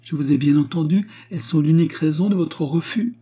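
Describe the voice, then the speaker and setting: A man voicing a distressed, tearful young woman in her twenties, pleading and gentle. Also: on the high side, a little fast, slightly rough, pitched above the performer's own voice. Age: 20s.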